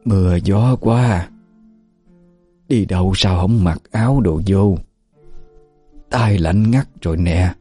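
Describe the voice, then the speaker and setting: A man's voice: low-pitched, unhurried, pauses often, mellow. A man voicing a teasing, shrewd old village wife, with faint music behind. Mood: weak faint.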